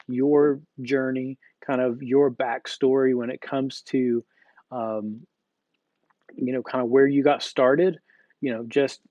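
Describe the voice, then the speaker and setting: A man asks an interview guest his questions in a mellow, hesitant way. The sound is dull and slightly muffled in a dry room. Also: mid-range voice, no room sound. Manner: hesitant, with many fillers and restarts.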